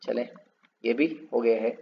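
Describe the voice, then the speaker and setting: Guy teaching english spelling real slow, stretches words out, bit of a gravelly voice, muffled recording. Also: medium pitch, level tone. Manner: repeats words slowly and drawn out, explaining spellings. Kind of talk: spoken English lesson.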